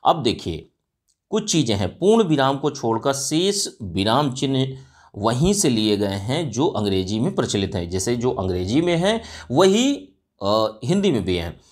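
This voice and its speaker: A man's voice: medium pitch, sing-song, moderate pace, darkish tone. A male teacher giving an exam-prep lecture, explaining step by step and often asking and answering his own questions, with frequent fillers. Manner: frequent fillers and self-corrections.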